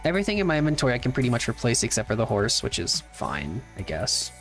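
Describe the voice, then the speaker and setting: A man's voice: mid-range voice, huge pitch swings, fast, a bit bright, faint music behind. Laid-back male game streamer. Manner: laid-back, chatty, reads chat aloud and answers. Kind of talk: casual livestream chat while playing.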